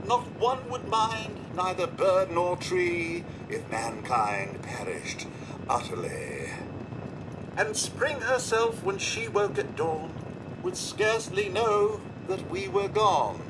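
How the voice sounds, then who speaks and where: An actor playing a prim, too-smooth male android butler in a game, speaking in servile phrases with a sardonic aside. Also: high-pitched, very animated, takes it slowly, background noise, heavily acted. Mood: reciting. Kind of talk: recited poetry in a game.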